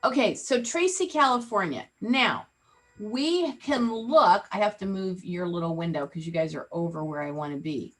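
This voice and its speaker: Running an interactive real estate training online by video call, a woman speaks at medium pitch and a moderate pace. She's chatty and teasing and frequently quizzes the group.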